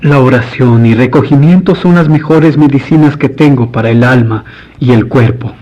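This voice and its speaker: A man's voice: mid-range voice, darkish tone, close to an everyday voice. A man playing a devout, courteous priest in a radio drama, speaking formally and earnestly. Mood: earnest, pious. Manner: formal, measured, pious. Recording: dull lo-fi radio recording.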